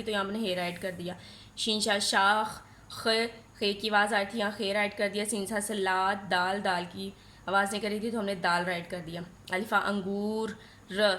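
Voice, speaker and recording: A woman teaching a nursery class, with a mid-range voice. She stretches out each letter and sound for small children, pausing to ask questions and then answering them herself. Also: medium pitch, fairly bright tone, a little hiss or hum. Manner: slowly spells out letters and sounds for young children.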